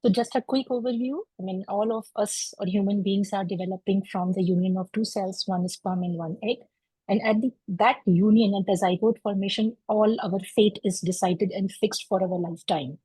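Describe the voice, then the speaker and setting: Lady doctor lecturing on a video call, mellow slightly husky voice, dry close sound. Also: mid-range voice, fairly even intonation, no echo, rough recording. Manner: measured, explanatory, with frequent uh fillers. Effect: heard over a video call. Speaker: clinical geneticist presenting a webinar lecture. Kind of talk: medical lecture. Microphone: computer mic on a video call.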